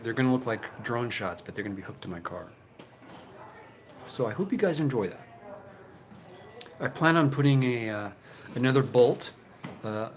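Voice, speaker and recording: A man's voice: mid-range voice, slight background noise. A man in his fifties chatting casually with his viewers as a channel host, rambling and swearing, full of fillers and restarts. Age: 50s. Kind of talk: casual live chat with viewers.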